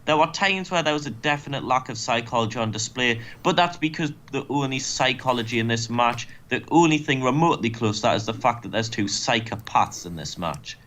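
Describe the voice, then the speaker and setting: A man's voice: mid-range voice, animated, a little fast, few pauses, fairly bright tone. A man hosting a let's play, giving casual, joking commentary on a wrestling game. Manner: joking, wry.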